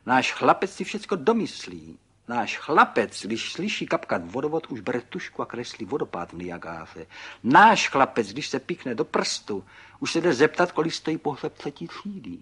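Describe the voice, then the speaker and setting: A man's voice: mid-range voice, slightly rough, voice pushed up. A man reading an audiobook, voicing a small, cheerful older man who boasts proudly about his son and his own past. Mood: boastful. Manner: excited, boastful.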